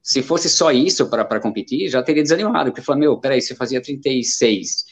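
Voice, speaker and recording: Fast-talking man in his fifties, rambling. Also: mid-range voice, animated, husky. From Brazil. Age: 50s. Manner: rambling, storytelling, many fillers. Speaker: amateur runner guest. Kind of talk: casual interview chat. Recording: dull lo-fi sound.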